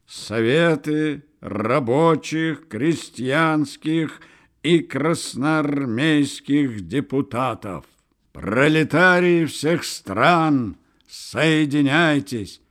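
A male reader doing a street orator at a rally, raising his voice a little above his usual tone. He stretches each slogan out slowly and emphatically, as if addressing a big crowd. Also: on the high side, animated, voice pushed up. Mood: rousing. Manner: declaiming slogans loudly, drawn out.

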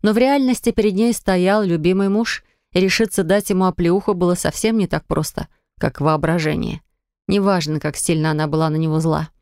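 A woman reading an audiobook with a somewhat low voice and an expressive delivery. The recording is close and dry. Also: a little fast, clear, resonant tone, no room sound. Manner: expressive, rising high and loud in the heroine's angry lines. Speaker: audiobook narrator. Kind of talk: audiobook narration.

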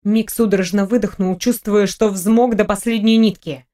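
A woman narrating an audiobook in an even, measured way. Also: medium pitch. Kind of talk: scripted narration.

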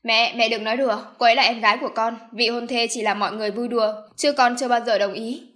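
A woman's voice: a little high, fairly even intonation, fast, fairly bright tone, lightly acted. A woman voicing an indignant young adult son in an audiobook, protesting and agitated. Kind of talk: audiobook character voice.

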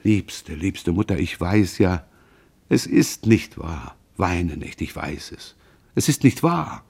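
A man's voice: on the low side, big pitch swings, moderate pace, creaky, darkish tone, breathy edge, full character voice. A man voicing a young son pleading with his mother, tender and urgent in turn.

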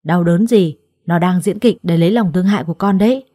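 A woman's voice: on the low side, quick pace, mellow, no room sound, studio quality, natural voice. A woman voicing a harsh, spiteful older adoptive mother who scolds with scorn in a storybook reading. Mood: cruel.

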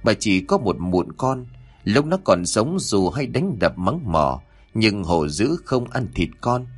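A man narrating a horror story in a dramatic, expressive scripted reading. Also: lowish voice, slow pace, slightly rough, soft background music.

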